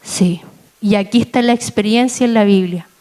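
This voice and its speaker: A woman giving a testimony in a church sermon, telling her story slowly and with feeling, dropping soft and then rising in bursts. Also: low-quality recording. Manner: slow, emotional storytelling with soft low passages and sudden raised peaks.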